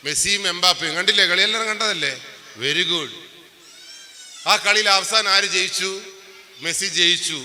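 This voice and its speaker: Bright-voiced man lecturing in a reverberant hall. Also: on the high side. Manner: questions the audience often, rising and dropping his voice for emphasis. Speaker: speaker giving a family class. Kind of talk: lively motivational class talk. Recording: reverberant hall with faint ambient noise.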